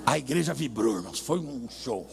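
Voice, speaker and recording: A man preaching loudly in a church, telling stories with humor and dramatic swings. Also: medium pitch, expressive, moderate pace, vocal fry. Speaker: pastor. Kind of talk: sermon.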